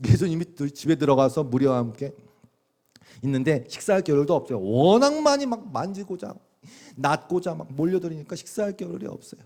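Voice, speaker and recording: A man's voice: on the high side, a little mellow. A middle-aged male pastor preaching a sermon in a conversational way, asking the congregation questions and acting out quoted voices with big swings.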